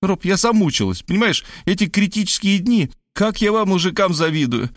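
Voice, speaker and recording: A man reading aloud and voicing a brash, cheeky young woman who chatters in a high voice. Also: lively intonation, brisk, no echo, studio quality.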